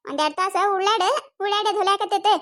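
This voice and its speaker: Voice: extremely high pitch, fast talker, sharp tone. A performer voicing a nagging village mother-in-law with a North Karnataka accent in a cartoon comedy. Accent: North Karnataka Kannada. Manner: coaxing, nagging.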